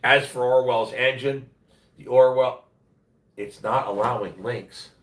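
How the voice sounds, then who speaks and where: Steady, unhurried and fairly bright, the man speaks at a medium pitch while hosting a laid-back livestream from home. He's unwell, with a worn-out, nasal, congested sound, and talks bluntly, plainly and with slang. Echo fills the roomy room, picked up by a distant mic.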